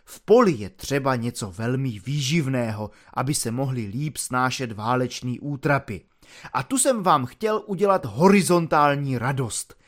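Man doing a calm, long-winded dutiful soldier. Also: medium pitch, lightly acted. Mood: earnest. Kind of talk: audiobook reading.

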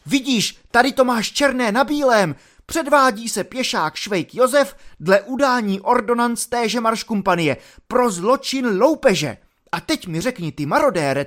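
A man playing a furious army lieutenant, high strained yelling, loud, scolding, audiobook. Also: exaggerated voice. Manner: shouting, berating. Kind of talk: audiobook reading.

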